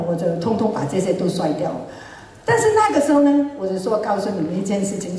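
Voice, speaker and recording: A woman preacher telling a personal testimony in a sermon, animated and often laughing as she speaks. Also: fairly high pitch. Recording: echoey hall, mic far off.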